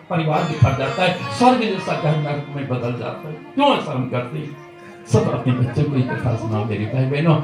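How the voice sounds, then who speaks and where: A man giving a devotional scripture sermon who exhorts his listeners with a string of rhetorical questions. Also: fairly high pitch. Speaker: katha preacher. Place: religious gathering in Uttarakhand. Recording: distant mic, echoey hall, music behind.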